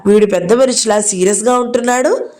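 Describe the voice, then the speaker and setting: A woman's voice: on the high side, fairly quick, a little mellow, natural voice. Young mother figure in a story reading, firm but coaxing; read by a woman.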